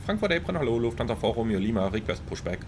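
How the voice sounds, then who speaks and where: A male airline pilot gives clipped cockpit radio calls and checklist callouts, his pitch moving in a lively way. A faint hiss sits behind his voice. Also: very fast.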